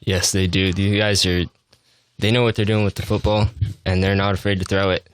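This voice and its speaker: Low-voiced young man in sports interview. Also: little pitch movement, a little fast, smooth, no room sound. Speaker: football player being interviewed. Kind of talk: casual sports interview answers.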